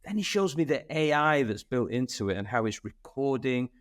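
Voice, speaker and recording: The practice owner here has a mid-range voice and normal speed, chatting casually on a podcast via video call about running his dental practice. Energetic in his storytelling, he habitually ends remarks with the tag question "right?".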